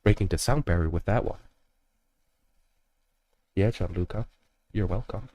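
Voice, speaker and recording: A man's voice: sits low, unhurried, dark tone, no room sound. Rambling young male game streamer. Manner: rambling, jokey, many fillers. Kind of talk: casual live-stream commentary.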